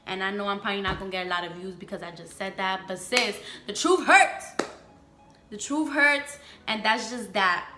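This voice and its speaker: A young woman from the Bronx, New York, does her makeup on camera as a beauty vlogger, chatting frankly with viewers in a casual get-ready-with-me video. She's candid and emphatic, packs her talk with slang, and calls her audience "sis" and "girl." Her medium-pitched voice moves at a normal speed with a sharp tone, in an echoey room with slight background noise.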